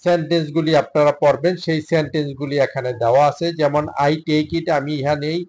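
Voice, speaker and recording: Bengali-accented man drilling English sentences. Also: a little high. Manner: reads drill sentences in English then Bengali, steady and measured. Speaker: English teacher. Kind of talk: spoken English drill lesson.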